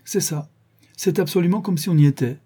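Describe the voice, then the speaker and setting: A man's voice: mid-range voice, moderate pace, warm tone, breathy edge, close to an everyday voice. A man reading the part of a stubborn, bold young nobleman in disguise in an audiobook, firm and insistent.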